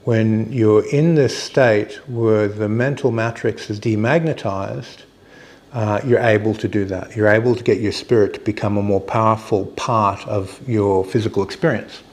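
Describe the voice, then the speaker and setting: A man teaching informally, explaining step by step with pauses as he finds his words. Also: lowish voice, steady tone, a little mellow. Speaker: teacher of hypnotherapy and meditation.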